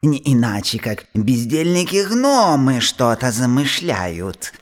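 Swooping, scheming giant spider spy. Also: male voice, medium pitch, sing-song, takes it slowly. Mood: scheming, grumbling. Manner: muttering, repetitive, swooping. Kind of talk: comic fantasy radio play acting.

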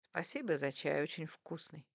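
A woman's voice: low-pitched, animated, normal speed, vocal fry, no room sound, exaggerated voice. A woman voicing a reserved, awkward husband who talks in a restrained, grumbling way.

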